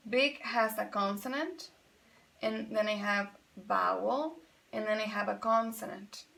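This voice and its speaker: Gravelly-voiced woman teaching grammar. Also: mid-range voice, unhurried, sharp tone. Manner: patient, explains step by step, repeats examples; switches between Spanish and English. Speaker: English teacher. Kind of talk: bilingual grammar lesson.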